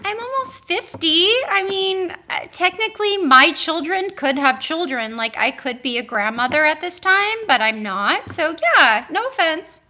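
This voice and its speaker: A woman in her forties chatting casually on a livestream as a tarot reader, thinking aloud and talking warmly to her viewers. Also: extremely high pitch, lively intonation, a little hiss or hum. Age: 40s. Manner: chatty and musing, thinks aloud with restarts and drawn-out exclamations; addresses viewers warmly, with homely blessings.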